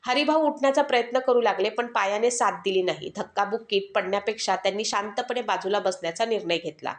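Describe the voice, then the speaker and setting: A woman's voice: medium pitch, fast. Earnest woman storyteller in an echoey room. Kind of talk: scripted narration.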